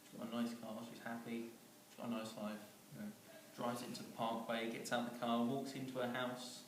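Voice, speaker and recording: A man's voice: mid-range voice, level tone, a little fast. A man telling an absurd comic story, rambling and chuckling as he goes. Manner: rambling, chuckling, with many fillers and restarts. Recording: echoey room, far from mic, noisy.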